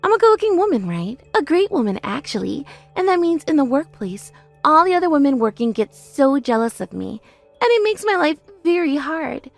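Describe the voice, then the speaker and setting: In a scripted audio story, a woman voices a boastful older sister in her thirties who mocks and taunts, haughty and full of self-praise. She uses a full character voice that is high with big pitch swings and vocal fry, at normal speed, with faint music in the background.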